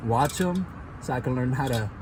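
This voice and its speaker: A man's voice: medium pitch, animated, normal speed. A man chatting casually and jokingly in slangy, sweary frat-bro talk while working on a car as an amateur mechanic vlogger. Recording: loud car and tool noise, handheld camera.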